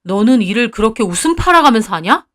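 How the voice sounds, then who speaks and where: A woman's voice: fairly high pitch, very animated, fast, a bit bright. A curt, sulky fiancé read by a woman. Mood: angry. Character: jealous, moody young man, the narrator's fiancé. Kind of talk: read-aloud story dialogue.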